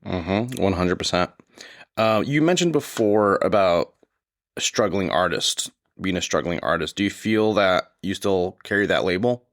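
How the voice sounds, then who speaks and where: Chill podcast host guy, low voice, lots of mm-hmms and yeahs. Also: lively intonation, measured pace, no echo, clean studio sound. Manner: easygoing, affirming. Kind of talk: casual interview chat.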